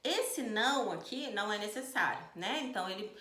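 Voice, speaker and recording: A woman's voice: mid-range voice, animated, normal speed, pushed and bright, reverberant. A Brazilian Portuguese-speaking woman teaching a recorded video lesson who explains step by step and often checks in with "né?" and "tá?". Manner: explanatory, frequent "né?" and "tá?" checks, acts out example sentences. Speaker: sign language teacher.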